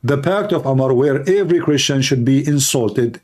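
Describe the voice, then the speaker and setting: This live stream host is a religious apologist from the Middle East whose native language is Arabic, and it shows in his accent. His medium-pitched, darkish voice moves at a normal speed with lively intonation as he talks informally and bluntly.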